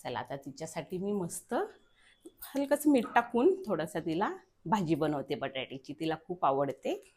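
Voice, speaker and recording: A woman's voice: deep voice, very animated, moderate pace, a little mellow, husky. A young woman, chatting casually through a family vlog at home and coaxing her child along. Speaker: vlogger and mother.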